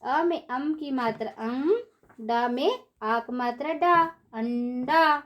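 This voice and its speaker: A woman teacher with a high voice, talking very slowly. She spells each word out syllable by syllable, repeats it for young learners, and asks questions that she answers herself. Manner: asks and answers her own questions in a sing-song classroom tone. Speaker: primary school teacher. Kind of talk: Hindi phonics lesson for young children.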